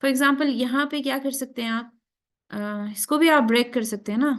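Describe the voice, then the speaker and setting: A woman teaching a tajweed class, slipping English phrases into her talk and often checking that students follow. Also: high-pitched. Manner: keeps checking in with students after each point; mixes English phrases into Urdu. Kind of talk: class lecture.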